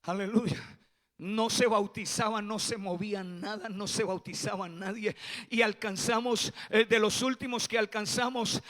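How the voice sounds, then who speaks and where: Man, pastor, sermon, high bright voice, fervent, shouted peaks. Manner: fervent preaching, swells to shouts.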